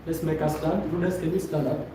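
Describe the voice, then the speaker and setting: A fairly high-voiced man from Luapula, Zambia, leads a presentation course, giving motivational seminar instruction to a live audience in an indoor training room with a stage. He speaks fairly quickly with fairly even intonation, directive in manner, checking in with listeners and repeating phrases. The recording is noisy and very echoey, captured on a distant mic.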